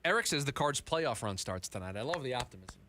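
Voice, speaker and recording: Lively, bright-voiced male sports radio host. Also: mid-range voice, fast talker, dry recording. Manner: animated, repeats words when emphatic. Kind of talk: sports talk radio chat. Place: radio studio. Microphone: studio mic.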